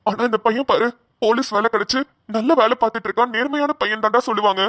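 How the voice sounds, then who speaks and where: A woman voicing a patient, bewildered middle-aged father in a cartoon, trying to calm a friend. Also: on the high side, fast, no room sound, clean studio sound, close to an everyday voice. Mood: puzzled. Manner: puzzled, placating. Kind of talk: cartoon voice acting.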